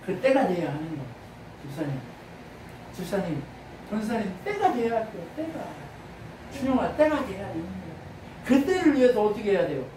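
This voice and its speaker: A pastor preaching a sermon, firing questions at the congregation and bursting into loud exhortations. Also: mid-range voice, big pitch swings, brisk, noisy background. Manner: fires rhetorical questions at the congregation. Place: church sanctuary. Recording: roomy distant mic.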